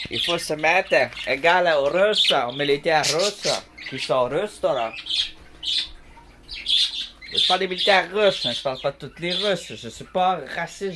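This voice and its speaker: A Québécois vlogger chatting casually while working at home, joking, rambling and laughing often, with pet birds squawking in the background. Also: medium pitch. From Quebec. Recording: noisy home recording with bird squawks.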